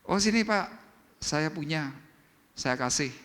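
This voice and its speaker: A man doing a high, eager kind woman. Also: animated, slow, a bit bright. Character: kind generous woman giving charity. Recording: church hall reverb.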